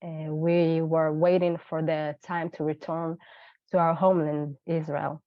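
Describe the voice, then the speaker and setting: A woman in her thirties from Ethiopia, feeling unwell, telling her own story as a webinar guest in an earnest way, with many pauses and fillers. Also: deep voice, flat delivery, no echo, dull audio. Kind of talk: personal testimony.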